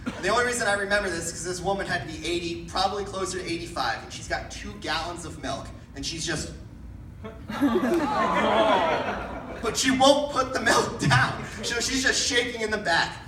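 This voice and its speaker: A man's voice: high-pitched, moderate pace. A young man doing stand-up storytelling, rambling with lots of fillers and acting out characters. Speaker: stand-up comedian. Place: comedy club stage. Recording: roomy room, distant mic, background noise.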